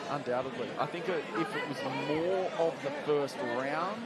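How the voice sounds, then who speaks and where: A man's voice: a little high, moderate pace. A man giving live play-by-play and analysis as a commentator at a cage fight. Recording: loud crowd behind the commentary.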